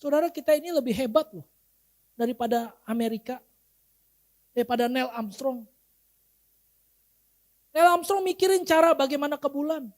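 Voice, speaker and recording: A man's voice: very high-pitched, normal speed, pauses often. A male pastor giving a sermon in a casual, humorous way, often quizzing the congregation. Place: church.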